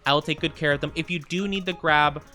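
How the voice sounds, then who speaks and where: A man with a fairly high, very bright voice chats casually to his live stream. He has a cute, upbeat anime-streamer manner and often doubles back on his phrases. Soft music plays behind him. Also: steady tone, quick pace. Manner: chatty, hesitant, often repeats phrases. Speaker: VTuber game streamer. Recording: music under the voice.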